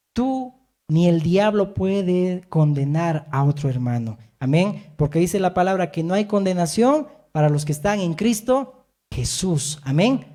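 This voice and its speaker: High-voiced man preaching a sermon. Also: warm tone. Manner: emphatic preaching, rising and falling, frequent amens. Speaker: pastor.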